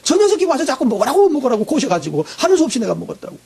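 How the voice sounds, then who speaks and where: A man's voice: extremely high pitch, very animated, very fast, creaky, darkish tone, husky, heavily acted. A pastor voicing a sulking man who blames everyone else, whining and self-pitying. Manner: whiny, self-pitying excuses.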